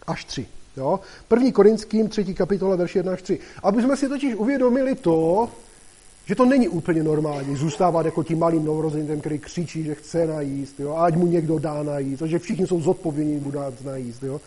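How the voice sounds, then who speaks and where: A man delivers an informal sermon in a slightly high voice with a dark, mellow tone. He talks conversationally and keeps checking in with his listeners. When he reads scripture, his voice rises and grows louder. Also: poor audio. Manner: conversational, constantly asks "jo?" and "že jo?"; rises in pitch and loudness when reading scripture. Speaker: preacher. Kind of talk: casual sermon.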